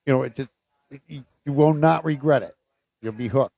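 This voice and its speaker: A man's voice: medium pitch, fairly quick, gravelly, mellow, dry recording. A man co-hosting a casual sports podcast, talking loosely and swearing freely. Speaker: podcast co-host.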